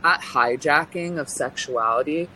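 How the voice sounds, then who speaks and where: Sharing personal testimony as an interview guest, a young woman from California with a deep, sharp-toned voice speaks earnestly but haltingly, full of pauses and restarts. The audio is poor, with slight background noise.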